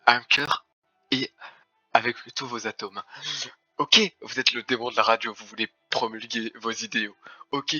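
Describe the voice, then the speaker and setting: Man, game player on voice chat; sharp bright tone, theatrical formal accuser, lo-fi sound. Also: mid-range voice, dry recording. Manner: theatrical, formal "mon cher" lecturing, stumbling restarts. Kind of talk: heated game accusation speech. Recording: dry, dull lo-fi voice chat.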